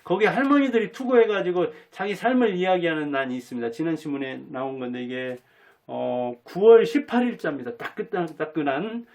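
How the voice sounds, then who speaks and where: Earnest, folksy Korean man, fairly high voice. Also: brisk, darkish tone. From Jinan, North Jeolla, Korea. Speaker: YouTube channel host. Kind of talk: solo reflective monologue.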